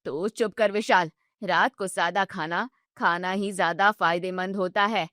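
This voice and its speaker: A woman's voice: medium pitch, fairly even intonation, unhurried, fairly bright tone, no echo, studio quality, voice pushed down, close to an everyday voice. A woman voicing a strict older mother-in-law who scolds everyone sharply in a storybook tale. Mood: scolding. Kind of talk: storybook narration.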